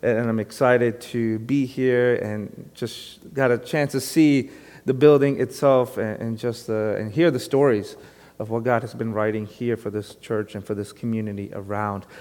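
A man in his thirties from Brooklyn preaches in a relaxed, conversational way, with plenty of fillers and a self-deprecating touch. His mid-range voice sits right in the middle for a man. The sound carries a long reverb, like a church sanctuary. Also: medium pitch, moderate pace. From Brooklyn, New York. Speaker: guest pastor. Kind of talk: sermon.

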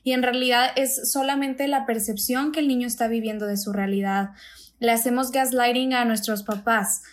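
A woman, a clinical psychologist calmly explaining in an interview with everyday examples. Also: a little high, normal speed.

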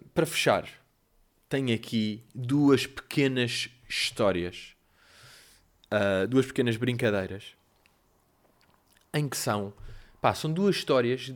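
A young man with a European Portuguese accent hosting a casual solo monologue, telling stories in a rambling, slangy, self-mocking way. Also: mid-range voice. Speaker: podcast host.

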